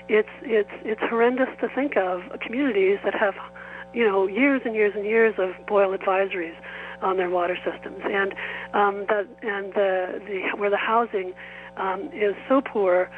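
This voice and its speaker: A woman giving an unscripted interview answer, halting as she searches for words. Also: mid-range voice, a little hiss or hum. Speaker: farm union committee member giving an interview. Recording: thin phone-like band-limited line.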